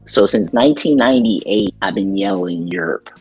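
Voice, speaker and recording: A middle-aged man talking casually in an interview about his radio work, relaxed and rambling, with plenty of ums. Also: low voice, takes it slowly, breathy edge, soft background music. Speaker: DJ and radio station owner.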